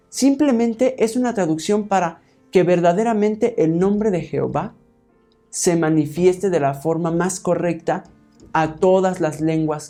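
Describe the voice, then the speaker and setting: A man's voice: sits high, warm tone. A man preaching a Bible teaching sermon, explaining point by point and often checking with his listeners. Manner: explains step by step, asks the congregation "¿sí?"; addresses listeners as "hermanos".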